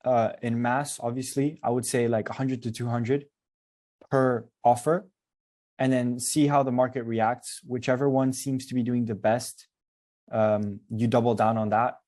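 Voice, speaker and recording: A man with a mellow, relaxed tone leads a coaching session over a video call. His advice comes quick, casual and direct. He sounds upbeat and informal with the people he coaches. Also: mid-range voice. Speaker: business coach.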